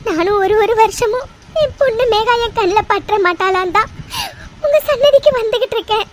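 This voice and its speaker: Devaki, a very high tearful cartoon mother. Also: animated, brisk, fairly bright tone, rough recording. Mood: weeping. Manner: emotional, pleading delivery. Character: anxious, tearful mother of three, a woman. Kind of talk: cartoon dubbing. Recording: faint background noise.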